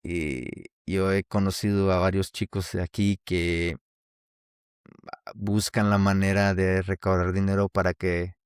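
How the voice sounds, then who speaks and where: A podcast host from Mexico with a Mexican Spanish accent speaks in a deep, smooth voice. The casual solo show is a dry, clean studio recording, and he rambles with many restarts.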